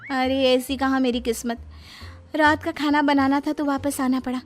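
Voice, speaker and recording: A woman's voice: high-pitched, little pitch movement, normal speed, soft background music, lightly acted. A woman voicing a cheeky young daughter-in-law in a cartoon, coaxing and whiny about mangoes.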